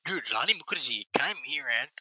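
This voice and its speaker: A young man in casual banter with his friends, with a very bright, ringing voice that swings widely in pitch. He teases the others and laughs a lot as he talks. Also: lively intonation, very fast, slight background noise, rough recording. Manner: teasing, laughs often. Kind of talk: joking chat among friends.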